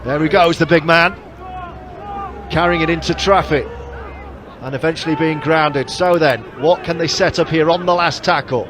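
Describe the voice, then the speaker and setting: Excitable male rugby commentator, crowd behind. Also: on the high side, moderate pace. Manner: rises to shouts at big hits. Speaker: play-by-play commentator. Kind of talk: live rugby league commentary.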